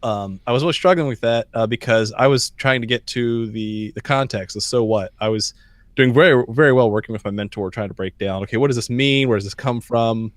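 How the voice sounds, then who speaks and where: A man speaking thoughtfully on a podcast panel, recounting a story in a measured way with some fillers. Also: medium pitch, no echo. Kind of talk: conversational podcast discussion.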